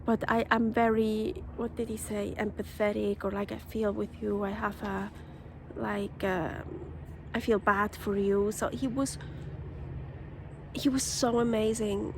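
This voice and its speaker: Slow, halting woman with a gravelly voice. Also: medium pitch, little pitch movement, slight background noise. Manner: halting, many restarts and fillers. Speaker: vlogger. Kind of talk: casual personal vlog.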